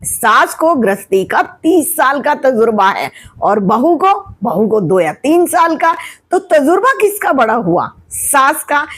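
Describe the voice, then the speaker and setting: Woman, 60s, retired schoolteacher type, high and breathy, patient explainer. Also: sing-song, takes it slowly, a bit bright. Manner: patient, teacherly, asks and answers her own questions. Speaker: retired teacher giving advice. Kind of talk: explanatory family advice talk.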